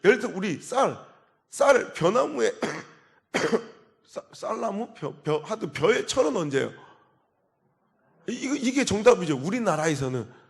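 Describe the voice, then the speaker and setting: Man, pastor, revival sermon, forties, slightly high voice, storytelling, loud outbursts and quiet asides. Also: big pitch swings, unhurried, gravelly, pauses often. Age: 40s.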